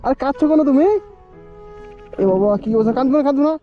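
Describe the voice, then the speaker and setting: Very high-voiced fast-talking man outdoors. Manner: gently coaxing, repeats himself. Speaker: vlog host. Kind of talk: casual roadside chat. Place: outdoors by a road, on a bike. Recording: dull lo-fi audio with music behind.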